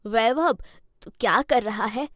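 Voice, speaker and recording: A woman doing a slow, stern old mother-in-law. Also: a little high, a bit bright, no room sound, studio quality. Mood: stern, gentle. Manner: slow, scolding, then soothing. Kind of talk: cartoon storybook voice acting.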